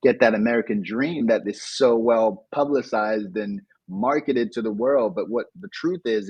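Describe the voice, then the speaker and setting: Speaking with a fairly low, breathy-edged voice, a Nigerian man recounts his life story as an interview guest and digital entrepreneur. He's casual and reflective, restarts often, and becomes animated in the telling. The recording is muffled, without echo.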